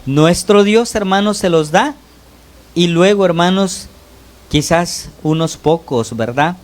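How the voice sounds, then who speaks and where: A lay preacher from El Salvador delivers a sermon to his congregation. He often stops to call on the brothers and ask "¿verdad?", and his pitch and loudness swing sharply from one phrase to the next.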